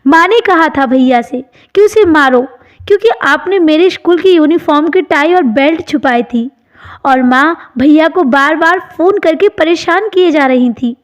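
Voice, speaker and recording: A woman's voice: sits high, a little slow, lo-fi sound. A woman reading the part of a tearful young man who pleads with his sister-in-law in a choked voice. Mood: pleading.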